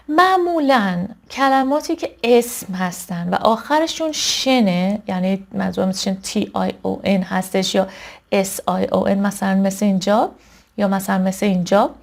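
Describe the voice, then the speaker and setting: A woman teaching an online English vocabulary lesson. She says each word slowly and carefully, then explains and checks in with her students often. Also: mid-range voice.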